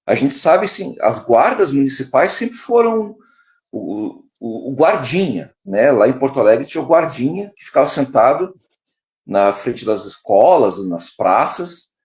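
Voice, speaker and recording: A man co-hosting a podcast, explaining background in a measured, casual way. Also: medium pitch, sing-song. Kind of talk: casual discussion.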